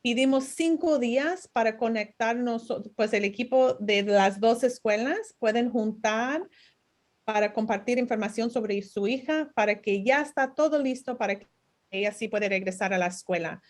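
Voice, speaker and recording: Halting high-voiced woman interpreter. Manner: halting, searching for words. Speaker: interpreter at a town hall webinar. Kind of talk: consecutive interpreting in a public meeting.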